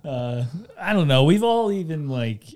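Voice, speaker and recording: A man's voice: a little high, sing-song, unhurried, a crowd in the background. A man talking hesitantly in a casual group chat.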